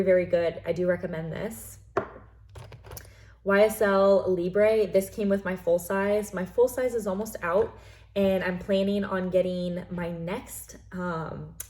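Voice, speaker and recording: A little mellow and low in tone, the young US lifestyle vlogger chats her way through her bag. Allergies leave her sounding congested, and her rambling talk is full of fillers.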